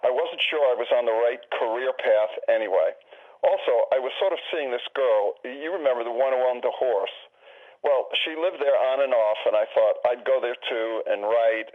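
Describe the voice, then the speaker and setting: An older father played by a man talks over a narrow, tinny telephone line in an audiobook. He is dry and needling, grumbles easily, and chats at a middle pitch. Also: moderate pace. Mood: matter-of-fact. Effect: telephone filter. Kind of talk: conversational phone dialogue in an audiobook.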